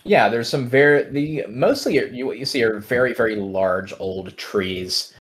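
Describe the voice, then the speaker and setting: A man narrating as game master of a tabletop game, relaxed and rambling with fillers. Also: mid-range voice, measured pace, slight background noise.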